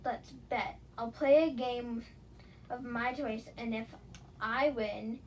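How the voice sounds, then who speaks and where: A woman's voice: fairly high pitch, fairly even intonation, takes it slowly, recorded from a distance, slight background noise. Bakugo, a woman voicing a hot-tempered teen boy. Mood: cocky. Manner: shouting, threatening.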